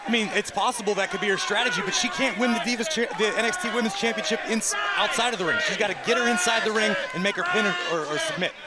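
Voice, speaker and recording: High-voiced argumentative male wrestling commentator. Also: animated, fast talker, hardly any pauses. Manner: argumentative, emphatic. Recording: loud crowd and arena noise. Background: roaring arena crowd.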